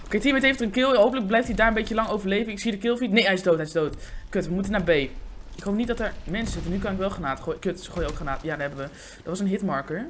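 A man giving live, excitable gameplay commentary, swearing often and talking in slang into a condenser microphone. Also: high voice, very fast, slight background noise. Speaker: gaming YouTuber. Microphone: USB condenser microphone.

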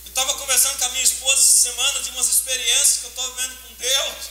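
Fervent high-voiced preacher in a church. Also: male voice, flat delivery, racing. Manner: fervent, emotional preaching with sudden loud and soft swings. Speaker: pastor. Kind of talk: sermon. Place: church sanctuary. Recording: roomy church echo, faint hiss.

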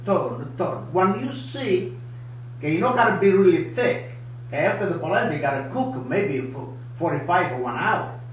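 An older man with a strong Italian accent chats through a live cooking show in lively, broken English, his voice sitting fairly high for a man. He is heard from across a home kitchen, with heavy room echo and a faint hiss behind him. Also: distant mic. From Italy. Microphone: camera across the counter. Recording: echoey kitchen, voice from afar.

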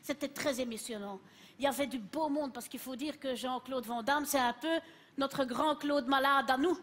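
A woman's voice: high-pitched, moderate pace, fairly bright tone. A woman playing a chatty, self-assured Belgian cleaning lady with a Belgian accent, rambling in a stand-up sketch on a TV stage. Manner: rambling, confidently wrong. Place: TV studio stage.

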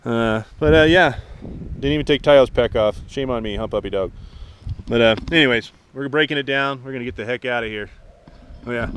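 A man's voice: medium pitch, normal speed, a bit bright, slight background noise. A man hosting an outdoor vlog and making ham radio calls, casual and slangy, recorded on an action camera. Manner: laid-back, slangy. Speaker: vlog host and amateur radio operator. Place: outdoors on a snowy mountain peak.

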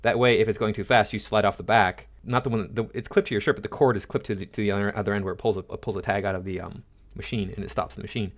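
A middle-aged American channel host delivers casual, indignant opinion commentary, frequently halting and repeating himself. His voice sits on the low side and keeps a steady tone.

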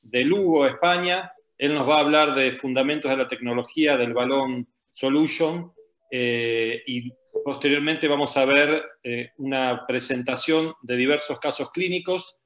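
A man's voice: mid-range voice, a little slow, fairly bright tone. A middle-aged man hosting a webinar, welcoming everyone formally. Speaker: host. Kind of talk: webinar opening. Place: home office, video call. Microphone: laptop webcam mic. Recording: echoey room.

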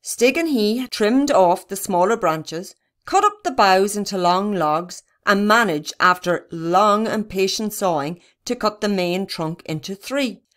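A woman narrating a children's storybook in a steady, even reading. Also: medium pitch, measured pace, few pauses. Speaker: reader.

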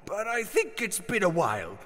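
A bitter, worn-out old male hedgehog from a fan audio drama, played by a man. His voice sits high and swings widely, tired and drawn-out yet ready to tip into desperate pleading. A long reverb trails each line. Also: huge pitch swings, sharp tone, exaggerated voice. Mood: weary. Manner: weary, drawn-out delivery turning to pleading.

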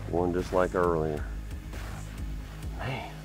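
A man with a Southern US accent, talking excitedly to viewers while fishing from a creek bank, recorded on a head-mounted camera. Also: deep voice, slow pace, music in the background. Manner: excitable, exclaiming over catches, talking to viewers. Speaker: fishing vlogger. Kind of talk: casual outdoor commentary while fishing.

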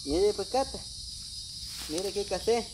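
A woman's voice: medium pitch, expressive, takes it slowly. Joking Guatemalan woman by a pond. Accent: Guatemalan Spanish. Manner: joking, laughs often. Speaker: family member fishing. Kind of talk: casual outdoor chat. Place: rural pond outdoors. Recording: outdoor noise, insects and crickets.

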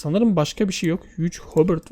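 Man, casual gameplay commentary, excitable, talks straight to viewers, dark mellow voice. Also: sits high, moderate pace. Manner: excitable, exclaims and laughs often; addresses viewers directly. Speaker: gaming video host.

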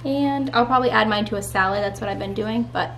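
A woman's voice: medium pitch, fast, fairly bright tone, faint music behind. A young woman, a stay-at-home mom, chatting casually to camera at home in a bubbly way, with lots of fillers. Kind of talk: casual vlog chat to camera. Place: family home.

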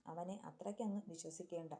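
A woman's voice: lowish voice, fairly even intonation, a little fast, mellow, lightly acted. A woman voicing a stern middle-aged father who distrusts his son-in-law. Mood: grim. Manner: grim, distrustful.

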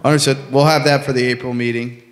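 Brisk man chairing a meeting. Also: medium pitch, flat delivery. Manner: brisk, procedural. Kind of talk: running a public meeting. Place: large meeting room. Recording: long reverb.

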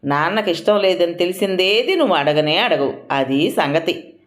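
A woman's voice: fairly low pitch, normal speed, natural voice. A woman voicing a playful, teasing young woman who is a daughter in the story. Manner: lively and teasing.

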